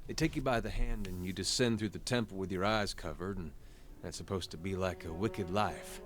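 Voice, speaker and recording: Guy acting a wry folksy game companion, low voice, music playing behind him. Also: a little fast, close to an everyday voice. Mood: wry, reminiscing. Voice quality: low-pitched. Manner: wry, colloquial. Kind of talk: video game character dialogue. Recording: game dialogue over background music.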